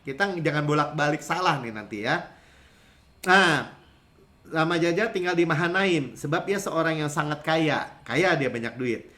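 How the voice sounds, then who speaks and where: Pastor guy with a lilt, high voice, preaching chatty and lively. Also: a little slow. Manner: lively conversational preaching, acts out quoted voices. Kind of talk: sermon.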